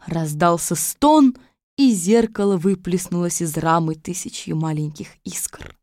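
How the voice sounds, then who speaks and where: Woman narrator, fairy tale audiobook, calm, low voice, dry sound. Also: unhurried, no echo.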